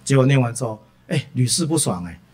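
A man's voice: medium pitch, fast. Chatty preacher man telling stories. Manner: lively anecdotal delivery, frequent "ah" fillers. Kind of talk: sermon with personal storytelling.

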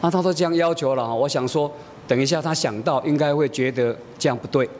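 Middle-aged male pastor telling a homely story. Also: fast talker. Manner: homely storytelling, acting out dialogue. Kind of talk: sermon illustrated with a family story. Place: church. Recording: reverberant church hall, faint rumble.

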